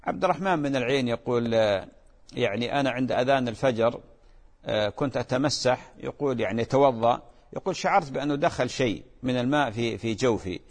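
Fast-talking man answering questions. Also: medium pitch, big-room sound. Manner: patient, reassuring, explanatory. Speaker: religious scholar answering callers' questions. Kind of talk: religious call-in Q&A.

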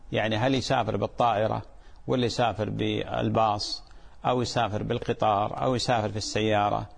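A man as a sheikh on a call-in program, calmly explaining answers to callers' questions and checking that they are clear. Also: mid-range voice, in a large hall. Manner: calm, explanatory, repeats points and asks "clear?".

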